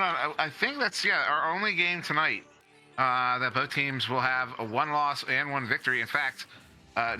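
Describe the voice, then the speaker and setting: Bright-voiced male esports caster. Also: mid-range voice. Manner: chatty, filler-heavy, joking banter. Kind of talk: live esports commentary.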